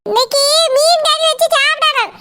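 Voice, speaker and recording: Brief: cartoon mother-in-law, Kanyakumari Tamil accent, bossy and sarcastic, squeaky high voice, loud noisy background with clicks. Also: normal speed. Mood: scolding. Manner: scolding, sarcastic, grumbling. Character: nagging older village mother-in-law, bossy and complaining.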